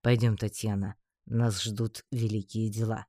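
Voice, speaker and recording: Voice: medium pitch, little pitch movement, unhurried, warm tone, dry recording, voice pushed down, lightly acted. A reader voicing a sarcastic, mocking male mage mentor in an audiobook. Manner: dry, mocking.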